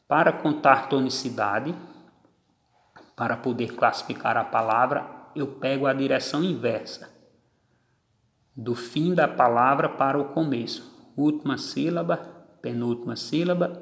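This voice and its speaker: A man teaching a grammar lesson, explaining step by step and counting out syllables one by one. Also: mid-range voice. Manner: slow, deliberate, spells out syllables. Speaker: Portuguese teacher. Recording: echoey room with long reverb.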